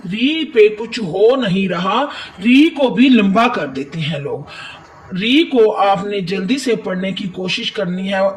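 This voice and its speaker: A man with a Pakistani Urdu accent teaching tajweed, explaining each letter and then reciting words slowly and drawn out. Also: sits high, recorded from a distance. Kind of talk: tajweed lesson with slow recitation.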